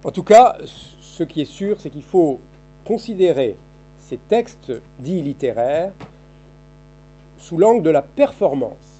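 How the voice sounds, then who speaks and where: A man in his fifties, a historian giving an academic seminar lecture in a seminar room, thinking aloud with frequent halting restarts and repeated words. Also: on the high side, sing-song, mellow. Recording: dull, lo-fi archive seminar recording.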